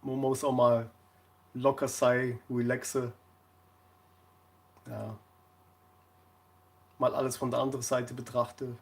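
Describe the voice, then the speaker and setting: A man's voice: medium pitch, flat delivery, slow, vocal fry, long pauses. A man chatting casually on a live stream, rambling through anecdotes and laughing often.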